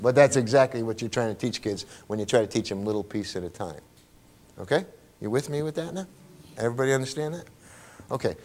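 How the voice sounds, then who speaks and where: A man giving a lively workshop talk to teachers, asking rhetorical questions and checking in with the room. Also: mid-range voice, quick pace. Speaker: teacher trainer.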